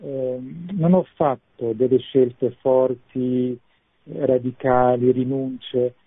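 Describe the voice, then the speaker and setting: Husky man on a tinny phone line. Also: medium pitch, steady tone, drawn-out words, no room sound. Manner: reflective, searching for words with small restarts. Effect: heard over a phone line. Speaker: parish priest phoning in as guest. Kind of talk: radio call-in testimony.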